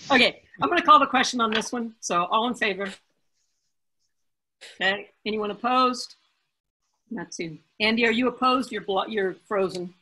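A woman chairing a council meeting over a video call, brisk and joking as she moves through votes. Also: a little high, bright, forceful tone, rough recording.

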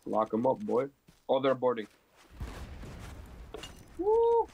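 Excitable low-voiced gamer man. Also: a little fast, phone-quality sound, a little hiss or hum. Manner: excitable, joking, hollering. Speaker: player. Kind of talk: gameplay voice chat.

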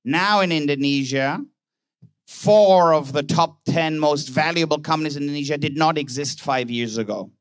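A man's voice: fairly high pitch, normal speed, no room sound. A man giving a conference keynote speech, telling anecdotes and briefly playing out little dialogues in different voices. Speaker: conference speaker, banker. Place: conference hall.

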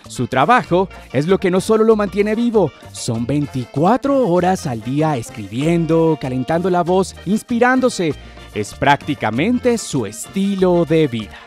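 A man's voice: on the high side, darkish tone. A man narrating a scripted television feature as its reporter. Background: background music.

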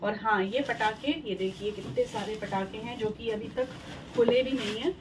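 Over a noisy crowd on a rough recording, a thirties-aged home vlogger talks to the camera in a mid-range voice with fairly even intonation and moderate pace. She shows things one at a time, filler-heavy, from a bright room and then a balcony, captured on a phone with clear background noise.

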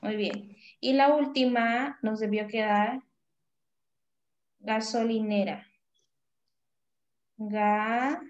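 Woman teacher, online class, slow patient delivery, fairly high voice, pupil roll call. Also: fairly even intonation, muffled recording. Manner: patient, calls on pupils by name, drills syllables slowly. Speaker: primary school teacher. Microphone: video call microphone.

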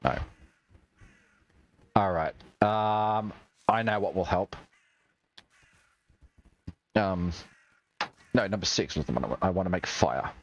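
A man's voice: low voice, slow pace, pauses often, lo-fi sound, slight background noise. A young Australian man streaming a video game, chatting, joking and swearing as he plays. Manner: chatty, swears and jokes while playing. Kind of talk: gaming livestream commentary.

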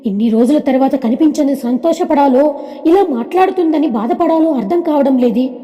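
A woman's voice: sits high, moderate pace, dark tone, faint music behind, lightly acted. A woman voicing a devoted young man who talks earnestly and pleadingly about his missing fiancée, in a storybook with long reverb.

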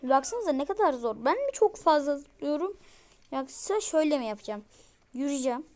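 A woman giving casual let's-play commentary to her viewers, easily frustrated and breaking into loud exclamations. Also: high-pitched, sing-song, brisk, a little hiss or hum. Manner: talks straight to her viewers. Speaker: gaming streamer.

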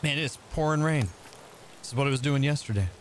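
A man's voice: medium pitch, fairly quick, noisy background. A man in his thirties chatting casually on a game livestream, often repeating his phrases, close on the mic. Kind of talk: casual livestream chat over gameplay.

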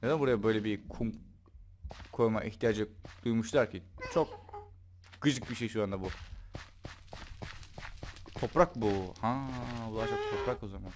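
Man, gameplay commentator, casual and jokey, loud outbursts, noisy home recording. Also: on the low side, moderate pace, long pauses. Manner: chatty, jokey, bursts into excited yelling. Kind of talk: let's play commentary.

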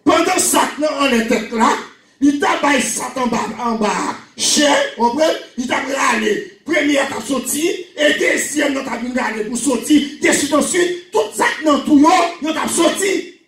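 A middle-aged man with a Haitian Creole accent, preaching a sermon into a handheld microphone in a small church hall, often shouting and repeating phrases for emphasis. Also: very high voice, normal speed. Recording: echoey church room, camera from a distance.

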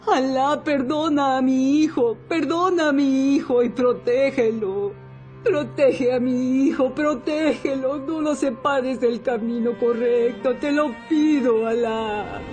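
A woman's voice: high voice, slow, darkish tone, faint music behind. A woman dubbing a devout mother in a soap opera, fervently praying and pleading for her son. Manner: fervent, beseeching.

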